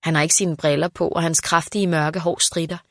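A woman calmly reading a children's story aloud as the narrator. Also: low-pitched, no room sound, studio quality.

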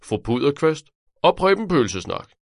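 A man voicing a helpful male supercomputer sidekick, calm and matter-of-fact, in a children's audiobook. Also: a little high, no room sound, clean studio sound. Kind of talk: storybook character voice.

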